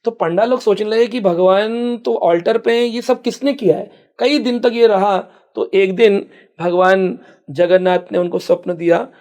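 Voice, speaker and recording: A man speaks as a spiritual guest on a podcast. He tells his stories at length and slips in English phrases. His voice sits high and has a mellow, gravelly texture. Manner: storytelling, mixing English phrases. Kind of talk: podcast conversation.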